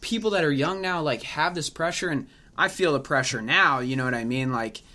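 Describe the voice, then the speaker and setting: Laid-back guy, late 20s, mid-pitched voice, talks things through. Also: bright, forceful tone. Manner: easygoing, reflective, lots of "like" and "you know what I mean". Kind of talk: casual conversation.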